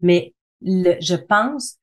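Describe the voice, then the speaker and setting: A middle-aged interview guest speaks extremely slowly in a fairly low voice, with a Quebec French accent. As a communication consultant and trainer, she explains things in a conversational style, repeating phrases for emphasis.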